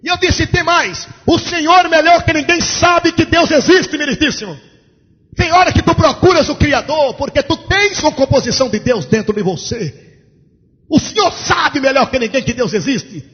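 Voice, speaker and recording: A male pastor, telling a story in a sermon with fervent preaching that rises to shouts. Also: extremely high pitch, animated, normal speed. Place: large church. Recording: echoey church hall, dull lo-fi sound.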